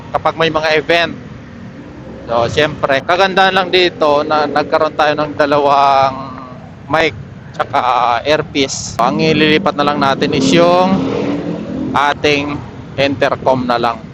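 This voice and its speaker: A man with a slightly high voice gives unscripted running commentary while riding a motorcycle through city streets, chatting casually for his vlog. He speaks into a helmet intercom mic, which clearly picks up traffic, vehicles, and other outdoor street noise.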